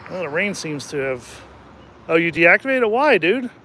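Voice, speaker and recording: A man hosting a casual livestream outdoors at night, jokey and rambling, his throat slightly hoarse from talking. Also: on the high side, sing-song, moderate pace, pushed and bright, a little hiss or hum. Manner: rambling and jokey, laughs often. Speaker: channel host and rideshare driver.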